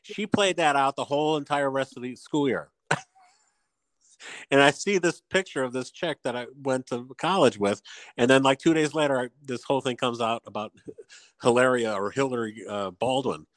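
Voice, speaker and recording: A man's voice: medium pitch, moderate pace, no echo. A man in casual chat, telling stories and laughing often. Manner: chatty storyteller, laughs often.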